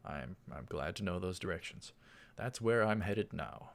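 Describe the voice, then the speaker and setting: This let's play host reads visual novel lines in a low, creaky voice with lively intonation and normal speed. He throws in casual comments, and game music runs beneath his voice.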